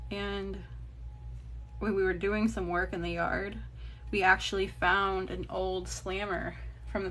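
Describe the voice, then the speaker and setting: A woman's voice: mid-range voice, a bit bright, a little hiss or hum. A woman in her thirties chatting casually while she crafts on a phone livestream, rambling between stories and small laughs, with the odd swear word. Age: 30s. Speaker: TikTok live crafter.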